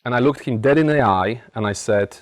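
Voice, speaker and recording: Speaking a little fast in a mid-range voice, a motivational speaker from Poland addresses a live crowd in his Polish accent. His talk is blunt and informal, built on stories and emphatic repetition.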